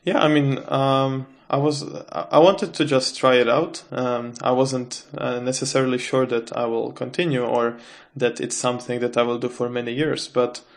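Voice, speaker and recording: A man's voice: mid-range voice, level tone, moderate pace, creaky. A man, a guest answering interview questions in a thoughtful, hesitant way with frequent restarts. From Czech Republic. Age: 20s. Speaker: guest, adult cello student.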